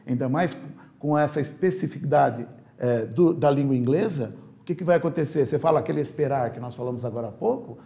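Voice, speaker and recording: A man teaching an online English lesson, lively and demonstrative, repeating sounds for the learner. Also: mid-range voice, brisk, vocal fry.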